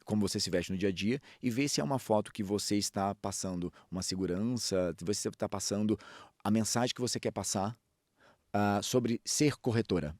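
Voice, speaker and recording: A man who speaks and coaches public speaking, talking in a storytelling way, with lively jumps in pitch and pace. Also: brisk, dry recording, studio quality. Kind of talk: podcast talk on public speaking.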